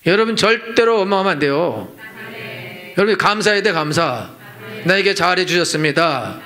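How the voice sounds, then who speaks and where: A man's voice: high voice, lively intonation, moderate pace, pushed and bright, faint music behind. A middle-aged man preaching a Sunday sermon as senior pastor in a church, emphatic and rhetorical, repeating his points and acting out the complaints of his listeners. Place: church sanctuary.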